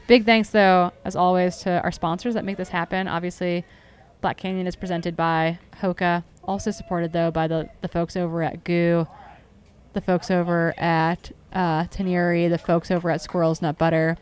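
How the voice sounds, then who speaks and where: A woman's voice: on the low side, flat delivery, moderate pace. A woman commentating a live trail race, chatty and upbeat, often correcting herself.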